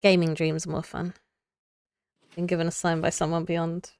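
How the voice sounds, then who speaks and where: A woman's voice: lowish voice, completely flat delivery, moderate pace, darkish tone, clean tone, no echo. A young woman streaming a building game, chatting to viewers and thinking aloud as she builds, laughing often. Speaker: Minecraft streamer. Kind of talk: casual live gameplay chat.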